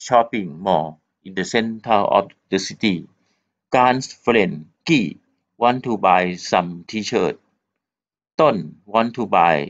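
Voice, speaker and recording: Heard through muffled lo-fi audio, this recorded textbook English lesson comes from a Thai man with a Thai accent. His voice is fairly low and a bit bright, and he repeats polite particles while blending Thai and English explanations.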